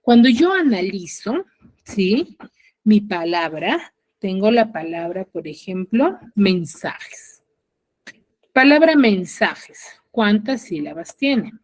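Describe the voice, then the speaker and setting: A woman's voice: medium pitch, very animated, takes it slowly. A woman teacher with a Peruvian Spanish accent, leading an online class. She is patient, repeats key words and often checks in with her students.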